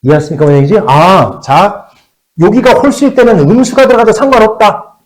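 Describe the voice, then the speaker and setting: A man teaching a math class to high school students, often repeating key words and checking that they follow. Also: brisk, poor audio.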